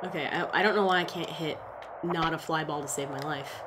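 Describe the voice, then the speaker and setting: A woman's voice: low voice, fairly even intonation. A young woman co-hosting a video game session, teasing and swearing in casual banter as she plays. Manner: teasing, profane, quick to laugh. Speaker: co-host playing a video game. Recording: noisy background hiss.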